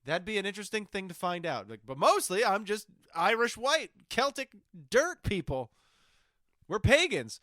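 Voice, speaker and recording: A man co-hosting a comedy podcast, chatting loosely and breaking into laughter. His voice is bright and bouncy, swinging up and down in pitch. The sound is dry and close to the mic. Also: sing-song, unhurried, no room sound. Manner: giggly, jumps into silly put-on voices. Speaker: podcast co-host. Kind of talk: casual comedy chat.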